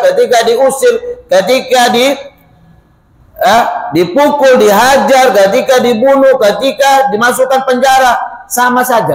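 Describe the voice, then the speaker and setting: A man preaching a casual, chatty mosque sermon. He keeps addressing the listeners as "sir" and acts out the voices of the people he quotes. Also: very high voice. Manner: chatty, often ends phrases with "Pak", acts out quoted voices. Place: mosque hall. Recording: echoey mosque hall.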